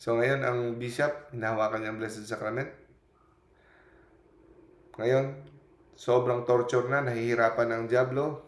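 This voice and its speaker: A man's voice: mid-range voice, fairly even intonation, a little slow, long pauses. A man preaching a storytelling sermon, retelling scenes in quoted lines and often adding a questioning "no?". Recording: echoey room.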